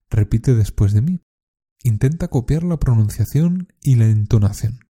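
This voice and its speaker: A man from hosting a language-lesson podcast, reading a scripted lesson and leading slow, clear repetition drills. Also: mid-range voice, warm tone. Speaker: Spanish teacher podcast host.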